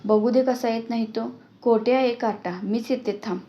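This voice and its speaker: Stern scolding mother from a storybook, read by a woman, commanding and sharp-tongued, on a dull lo-fi recording. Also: a little high, steady tone, moderate pace, a little hiss or hum, lightly acted. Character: stern angry village mother scolding son.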